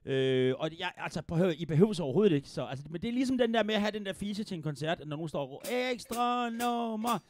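With few pauses and lively intonation, a Jutlandic-accented musician hosting a livestream concert rambles playfully, joking and swearing freely between songs. His voice is on the high side and a little mellow, with no room sound.

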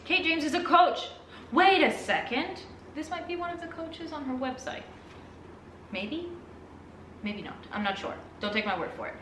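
Woman vlogger, non-native English speaker, bright and excitable, swears freely, echoey room with faint background noise. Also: high-pitched, moderate pace, long pauses, distant mic. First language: not English. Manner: excitable, swears a lot, reads labels aloud. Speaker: vlogger reviewing products. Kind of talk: casual unboxing chat.

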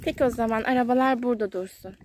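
A mother films her toddler playing in a garden on a handheld phone, chatting from behind the camera in a coaxing, sing-song way. Her voice is a little high and slightly mellow, and she talks rapid-fire. Faint outdoor noise and clicks are audible.

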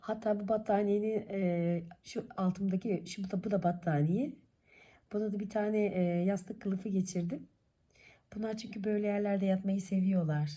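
A hoarse woman with her voice nearly gone, cooing and doting in soft baby talk at her sleeping cat at home, often half-whispering. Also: medium pitch, fairly even intonation, moderate pace. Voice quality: husky. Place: warm room at home.

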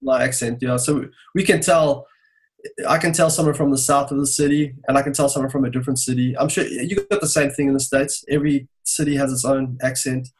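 A man's voice: mid-range voice, steady tone, brisk, low-quality recording. A man in his forties with a South African Johannesburg English accent, telling stories as a guest in a casual podcast chat. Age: 40s. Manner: chatty storyteller, laughs easily. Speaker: guest music producer.

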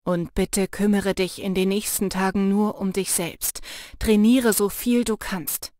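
A woman's voice: steady tone, measured pace, no room sound, clean studio sound, close to an everyday voice. A woman voicing an intense, protective young male shapeshifter in an audiobook, earnest and urging. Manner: low, earnest and urging, soft when teasing. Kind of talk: audiobook character voice.

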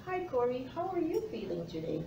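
Very animated and fairly quick, a middle-aged teacher with a high-pitched, creaky voice encourages young children through a phonics lesson, speaking straight to them. A camera far across the classroom records it, leaving the sound roomy, distant, and faintly noisy.

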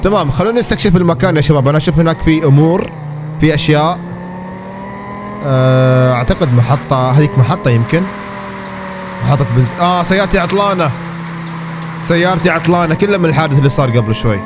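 A man's voice: on the high side, quick pace, long pauses, background noise. A man giving casual, exclamatory commentary as he plays a game and talks to his viewers. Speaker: gaming streamer.

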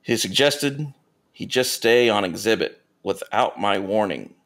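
A man co-hosting a comedy podcast, reading erotica aloud with deadpan asides and casual chat. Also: lowish voice, measured pace. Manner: deadpan asides between read passages. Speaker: podcast co-host reading stories.

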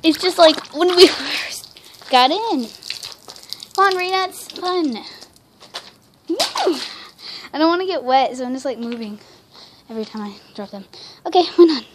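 A female voice narrating a toy role-play vlog, excitable and given to squealing cheers. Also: high-pitched, normal speed, long pauses, a little hiss or hum. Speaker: toy video maker.

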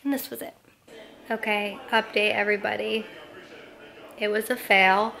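A woman in her twenties chatting casually to a handheld camera in a vlog, upbeat and talkative with quick asides. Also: mid-range voice, flat delivery, gravelly, sharp tone. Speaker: vlogger. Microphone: phone or camera held at arm's length.

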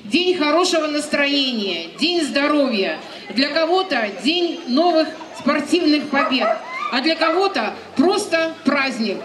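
A middle-aged woman with a high voice delivers a formal opening address at an outdoor event. Her voice echoes over the loudspeaker, with a faint crowd behind her. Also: expressive, measured pace. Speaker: district head giving opening address. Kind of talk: formal greeting speech. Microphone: handheld microphone.

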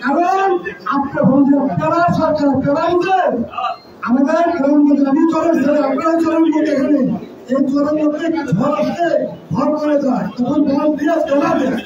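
Older male party speaker, shrill and fiery, repeating slogans; distant handheld mic, boomy room, crowd murmur. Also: steady tone, moderate pace. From Bangladesh. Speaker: political speaker. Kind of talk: shouted rally speech. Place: crowded indoor party office. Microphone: handheld mic, filmed from far. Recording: echoey hall, far off, dull, crowd.

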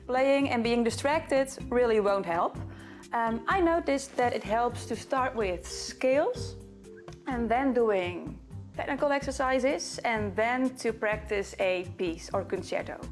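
With faint music behind her, a young Dutch woman speaks slowly in a slightly high voice with lively intonation. She's a violinist and video host from the Netherlands, casually answering questions to camera, with a Dutch accent, in a small living room lined with bookcases.

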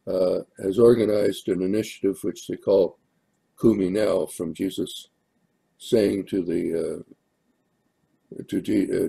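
An older man speaks in a very low, gravelly, husky voice with a dark tone. He delivers church announcements hesitantly, filling his pauses often. He sounds like a minister addressing his congregation. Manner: hesitant, many fillers. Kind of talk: sermon announcements.

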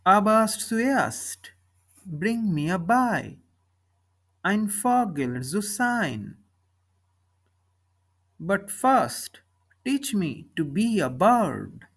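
A woman reading a children's story slowly, speaking each line and then its translation. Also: medium pitch, big pitch swings, slightly rough. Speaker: narrator of a bilingual story. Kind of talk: slow storybook reading in German and English.

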